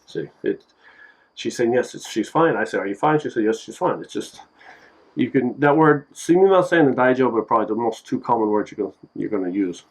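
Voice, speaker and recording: A man giving a casual lesson on simple phrases, relaxed and joking, repeating each word so it can be drilled. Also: medium pitch, fairly quick, rough recording. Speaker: language teacher. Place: Japan.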